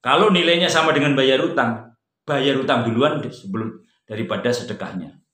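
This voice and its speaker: A man giving an informal religious study talk, conversational, jumping from loud emphatic peaks to quiet, low asides. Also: brisk. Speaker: religious teacher. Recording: roomy echo.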